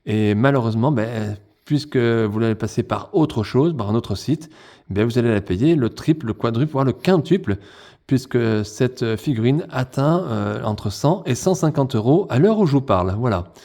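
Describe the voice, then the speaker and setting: A man's voice: medium pitch, animated, moderate pace, warm tone. A man hosting a toy unboxing in a casual, chatty way, talking straight to his viewers as friends.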